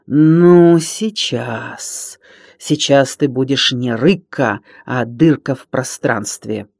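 A man's voice: mid-range voice, slow pace, vocal fry, no echo, studio quality. A man doing a gloating boy gunner. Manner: shouting, gleeful taunts.

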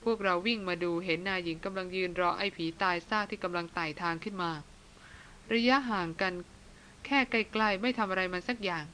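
A fretful old jungle guide grumbles and scolds about his reckless mistress, as a woman puts him on. He speaks a little louder and more insistently than the narration. Faint hiss under the audiobook reading. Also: medium pitch, fairly quick, lightly acted. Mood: grumbling.

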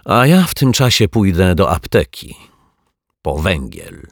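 Man doing a brisk, good-natured detective. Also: deep voice, huge pitch swings, creaky, dry recording, clean studio sound, heavily acted. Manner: brisk questioning, quietly amused. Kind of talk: audiobook character voice.

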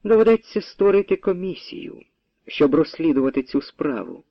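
Brief: man reading a cool, cutting old-time clerk, measured and pointed, dry, a touch lo-fi. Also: on the high side, vocal fry, no echo, voice pushed up, full character voice. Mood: cold. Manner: calm, pointed. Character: cool, sharp male regimental clerk.

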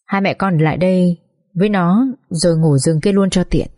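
A woman reading the lines of a calm, practical older mother. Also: fairly low pitch, fairly quick, close to an everyday voice.

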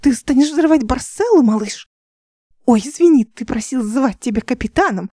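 A woman's voice: high voice, animated, normal speed, mellow, no echo, clean studio sound, pitched above the performer's own voice. Woman voicing a hissing, sneering male overlord. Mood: menacing. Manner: hissing, sneering half-whisper. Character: scheming male overlord, mocking and menacing.

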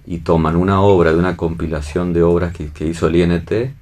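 A man with an Argentine accent speaks in a low, level, brisk voice that's a little mellow. He's a theatre and film director explaining his work in a casual interview, often using tag questions to check that the listener agrees.

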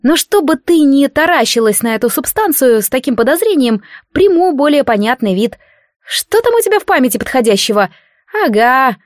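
A woman doing a cheeky child god, pitched high. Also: big pitch swings, dry recording, studio quality. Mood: teasing. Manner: petulant, teasing, quick, grown-up under a child's voice. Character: cheeky shape-shifting child god, boyish, grumpy. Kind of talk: audiobook character voice.

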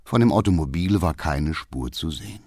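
A man reading a novel aloud as an audiobook narrator, in an expressive storytelling manner. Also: a bass voice, moderate pace, no echo, clean studio sound. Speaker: audiobook reader. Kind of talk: scripted literary narration.

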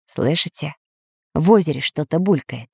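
A woman voicing an old male professor who explains things calmly and reassuringly. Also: sits low, normal speed, vocal fry, slightly rough, no room sound, clean studio sound, pitched below the performer's own voice, exaggerated voice. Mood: calm explaining. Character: calm, wise old male professor scientist.

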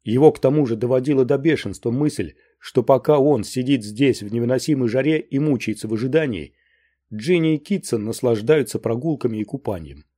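Dark-voiced male audiobook narrator. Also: mid-range voice, expressive, brisk. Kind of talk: scripted narration of a crime novel.

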